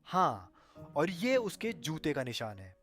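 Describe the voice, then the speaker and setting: Hot-headed cartoon brother, voiced by a man, suspicious, lively swinging pitch. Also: slow pace, faint music behind, exaggerated voice. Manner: suspicious, shouts when angry.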